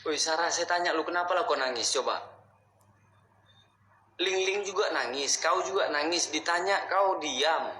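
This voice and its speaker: A young man hosting a ghost-hunting explore vlog, talking slowly with a questioning tone and often muttering prayers, sometimes dropping to hushed, whispery asides. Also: fairly high pitch. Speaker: vlog host exploring a haunted spot. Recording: echoey space with faint background noise.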